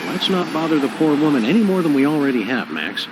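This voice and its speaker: A man voicing a polite, deadpan, unflappable dog detective in a cartoon video game. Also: on the high side, fast, background noise. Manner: deadpan, courteous.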